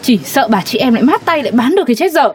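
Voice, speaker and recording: Casting: a quick, high-voiced, chatty woman as a neighbor customer in a comedy skit. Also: big pitch swings, a little hiss or hum. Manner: cheerful, chatty. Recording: faint music underneath.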